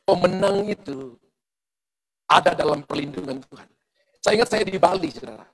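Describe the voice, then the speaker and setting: A middle-aged male pastor preaching a sermon in church, telling a story with lively testimony and speaking straight to the congregation. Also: sits high, normal speed, gravelly, low-quality recording. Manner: animated storytelling testimony, addressing the congregation directly.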